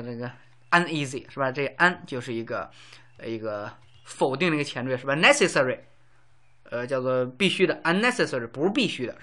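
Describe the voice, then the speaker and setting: A man's voice: fairly high pitch, pushed and bright. A man teaching a casual lesson, explaining words with everyday examples and lots of fillers.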